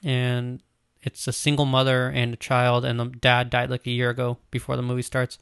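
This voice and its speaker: Man, relaxed podcast co-host. Rambling, filler-heavy delivery, dry close sound. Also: medium pitch, normal speed, gravelly, clear, resonant tone, no room sound. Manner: loose, rambling, lots of "like" and "um". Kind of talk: casual movie news chat.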